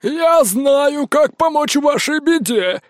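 A man's voice: very high-pitched, expressive, takes it slowly, dry recording, clean studio sound, voice pushed up, full character voice. A man voicing a boastful century-old pirate parrot in an audiobook, with a brash, squawking manner. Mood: cocky. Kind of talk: audiobook character voice.

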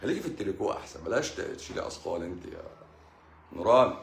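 A man's voice: low voice, very animated, racing, vocal fry, echoey room, slight background noise. A man with an Egyptian Arabic accent hosts a live stream as a doctor, answering viewer questions in a blunt, teasing, lecturing way.

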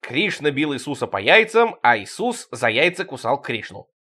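A man's voice: mid-range voice, sing-song, normal speed, bright, forceful tone. A man narrating a surreal comic story in a theatrical, bouncy reading style.

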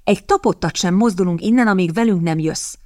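A woman doing a calm, steady army captain. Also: lowish voice, no echo, clean studio sound, natural voice. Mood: urgent. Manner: composed, firm.

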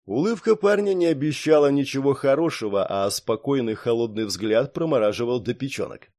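Man narrating a story in a mellow voice. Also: mid-range voice, animated, brisk. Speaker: audiobook narrator. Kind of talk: scripted audiobook narration.

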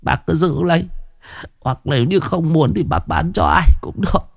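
A man's voice: fairly high pitch, big pitch swings, moderate pace, creaky, no room sound, clean studio sound, voice pushed up, heavily acted. A man doing a sobbing, stammering young villager. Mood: tearful pleading. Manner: tearful, stammering pleading. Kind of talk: storybook ghost tale voice acting.

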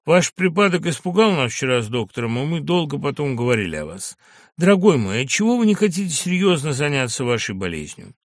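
A man's voice: a little high, big pitch swings, brisk, no echo, clean studio sound. A man reading a hearty older postmaster. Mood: coaxing. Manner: hearty, exclaiming, coaxing. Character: jovial older male postmaster, effusive and fussy. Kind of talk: audiobook character reading.

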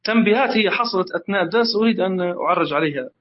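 A man reading a religious text aloud in a lesson and then giving corrections, deliberate and full of hesitations. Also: high voice, dull audio.

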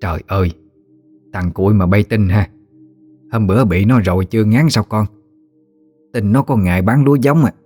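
A man voicing a sharp-tongued blind old grandmother who scolds in a Southern Vietnamese accent. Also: fairly low pitch, normal speed, pauses often, soft background music, close to an everyday voice. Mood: scolding. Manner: scolding, dry.

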